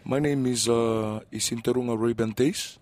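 Soft-spoken man from Fiji, flat delivery. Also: mid-range voice, moderate pace, no echo, studio quality. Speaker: community worker interviewed. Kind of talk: reflective interview talk.

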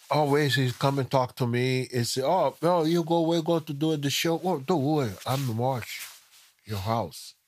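A middle-aged man with a Brazilian Portuguese accent who speaks Portuguese natively, telling a family story in lively, broken English. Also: fairly high pitch. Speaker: immigrant parent telling a story.

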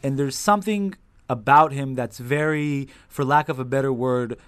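Brief: man from Israel, casual recollection, mid pitch, very dry close mic. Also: moderate pace, a bit bright, clean tone, dry recording. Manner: chatty, many fillers like "like". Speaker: journalist.

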